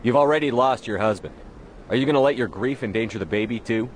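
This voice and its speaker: A man's voice: mid-range voice, fast talker, a little hiss or hum, close to an everyday voice. A man playing a blunt, authoritative military commander in a video game. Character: blunt, authoritative human military commander, hard-edged hero. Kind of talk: video game drama acting.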